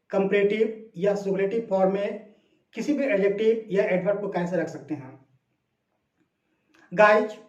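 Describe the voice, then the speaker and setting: Slow, high-voiced male tutor in a roomy room. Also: a little mellow, muffled recording. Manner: slow and deliberate, repeats example words, asks questions to listeners. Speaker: English grammar tutor. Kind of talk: classroom-style grammar lesson.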